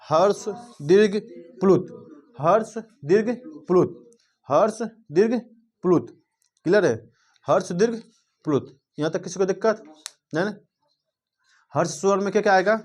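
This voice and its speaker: High-voiced teacher drilling grammar. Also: male voice, darkish tone. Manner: drills students with repeated questions and "clear?" checks; drawls words out slowly to show vowel length. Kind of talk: classroom grammar lesson.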